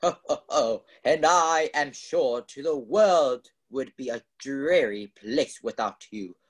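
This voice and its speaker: A woman voicing a gentle, jolly old Santa Claus in a slow, deep put-on voice for a storybook reading. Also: husky, exaggerated voice.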